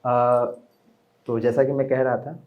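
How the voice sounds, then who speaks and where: A man's voice: medium pitch, little pitch movement, unhurried, phone-quality sound. Young man telling a story at an open mic. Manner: conversational, chatting with the audience between lines. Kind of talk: live storytelling performance. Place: small indoor open mic venue.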